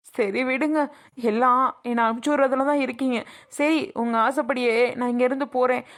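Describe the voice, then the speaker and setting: Woman as resentful stubborn bride, high and monotone. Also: lightly acted. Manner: defiant, resentful, complaining. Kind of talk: homemade family drama skit.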